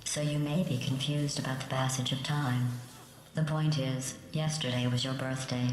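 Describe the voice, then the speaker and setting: A woman voicing a sarcastic female AI computer overseer through a robotic processed filter, with dry, mocking, deadpan delivery. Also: very deep voice, moderate pace, slight background noise. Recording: roomy game audio with faint music.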